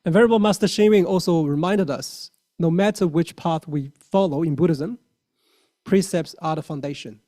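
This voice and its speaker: A fairly high, dark-toned voice at normal speed: a lay Buddhist man in his thirties from China, Mandarin-accented and a first-language Mandarin speaker, giving a heartfelt dharma talk peppered with fillers and restarts.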